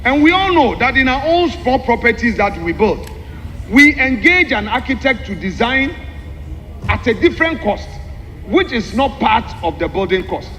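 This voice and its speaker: Very high-voiced man speaking in parliament. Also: sing-song, a bit bright. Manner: emphatic, deliberate, repeats phrases for emphasis. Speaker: member of parliament. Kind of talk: formal parliamentary speech, explaining a document point by point. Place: large parliamentary chamber. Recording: echoey hall with long reverb, background noise.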